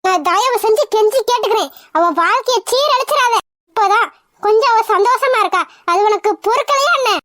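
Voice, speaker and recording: A woman's voice: very high voice, animated, a little fast, fairly bright tone, no echo, studio quality. A woman voicing young women in a cartoon, emotional and pleading by turns. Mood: scolding. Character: young women, spirited but put-upon. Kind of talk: cartoon voice acting.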